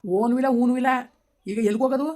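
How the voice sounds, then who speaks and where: A woman acting a quarrelsome rural woman in a family feud, scolding and cursing in a rapid-fire stream. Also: on the high side, warm tone, lightly acted. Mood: quarrelling. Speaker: actor in a village family skit. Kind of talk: amateur comedy skit acting.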